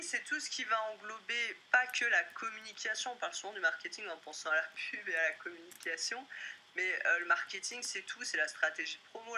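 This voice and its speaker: Bright-voiced woman giving a webinar. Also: medium pitch, a little hiss or hum, poor audio. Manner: direct, conversational, addresses listeners as vous. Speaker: music business coach. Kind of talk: webinar presentation.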